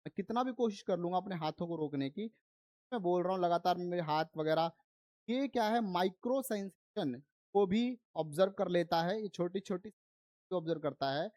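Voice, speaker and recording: A man's voice: sits high, darkish tone, no echo. A man teaching an online physics lesson, explaining step by step and often checking that his students are following. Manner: switches between Hindi and English terms. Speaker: science teacher.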